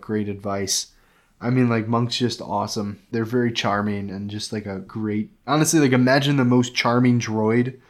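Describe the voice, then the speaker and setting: Rambling, excitable man with a low voice. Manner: rambling, excitable, heavy on fillers. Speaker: podcast co-host. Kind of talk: casual game review chat.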